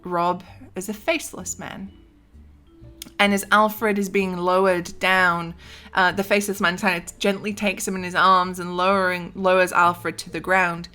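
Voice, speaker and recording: A woman casually recapping a tabletop role-playing campaign, chatty and animated, with asides and sound effects. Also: lowish voice, a little slow, soft background music. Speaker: tabletop game player recapping a character.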